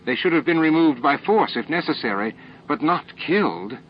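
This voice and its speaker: In an audiobook drama, a man voices a fierce, snappish elderly female alien scientist, pitching it above his own voice while staying close to an everyday tone. The delivery is high-ish with lively intonation and a moderate pace, indignant and scornful, snappish, forceful and righteous. The lo-fi recording sounds dull, carries music, and has a little hiss or hum.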